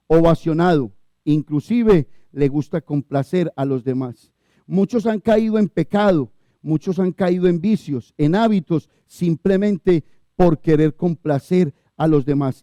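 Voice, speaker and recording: Emphatic Colombian pastor, high tenor. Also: male voice, dry recording. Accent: Colombian Spanish. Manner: emphatic preaching, swinging between loud high bursts and low quiet stretches. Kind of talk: sermon. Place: church.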